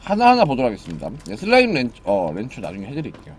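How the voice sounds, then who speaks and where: A man streaming a horror game live, chatting and joking with viewers, dropping to mumbles and then yelling in excitement. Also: mid-range voice, rapid-fire, slight background noise.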